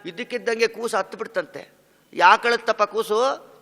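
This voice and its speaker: High, bright-voiced man giving a discourse. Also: normal speed, in a large hall. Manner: storytelling, asks questions and answers them, breaks into song. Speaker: swami giving a religious discourse. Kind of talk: devotional discourse with sung verses.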